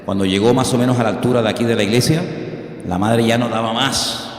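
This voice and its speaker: A man's voice: medium pitch, fairly even intonation, quick pace. A pastor in his sixties from Venezuela, preaching a sermon with humorous stories and earnest warnings. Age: 60s. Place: church hall. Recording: echoey hall with long reverb.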